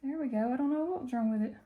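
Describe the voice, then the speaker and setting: A woman's voice: high voice, fast talker, narrow, tinny audio. A woman from Tennessee with a country Appalachian Southern accent, chatting casually and folksily to viewers as the host of a budgeting video.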